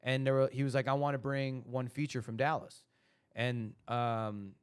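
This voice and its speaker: A man in his thirties hosts a relaxed podcast conversation. His voice is smooth and resonant at an ordinary pitch. He rambles, circling his point with constant fillers. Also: normal speed. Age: 30s. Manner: rambling, heavy use of "like" and "you know". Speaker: podcast host. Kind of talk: casual podcast chat.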